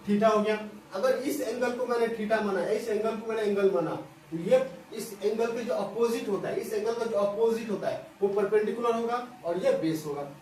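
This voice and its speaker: Male maths teacher, high voice, patient repeated explanations, recorded from afar in a very echoey room. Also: normal speed, darkish tone. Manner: explains step by step, repeats phrases, checks understanding often. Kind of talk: whiteboard lesson for school students. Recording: echoey room from a distance, faint hiss.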